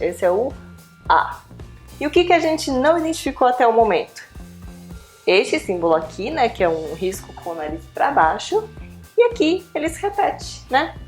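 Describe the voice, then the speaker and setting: Lively woman teaching patiently. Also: medium pitch. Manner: patient, coaxing, asks questions with frequent tag words. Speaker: Korean teacher. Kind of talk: online language lesson.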